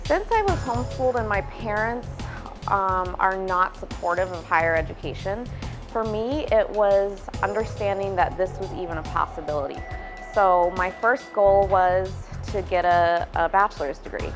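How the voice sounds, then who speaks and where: A woman student researcher speaking thoughtfully with pauses in an interview. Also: mid-range voice, lively intonation, over music. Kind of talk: interview testimony.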